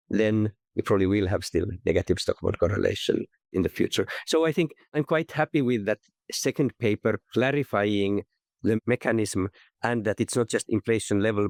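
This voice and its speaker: A man talks through ideas in a thoughtful, measured way, often adding small hedging asides. His voice sits fairly low, and the recording is close and dry with almost no room sound. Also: darkish tone, dry recording. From Finland. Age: 60s. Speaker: guest, investment researcher. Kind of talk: conversational interview answer.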